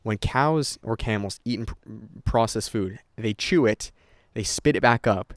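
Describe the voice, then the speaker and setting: Speaking a little slowly with a fairly low pitch, a young content creator talks off the cuff to his camera. There's plenty of rambling, free swearing and many restarts, in studio-quality audio with no room sound.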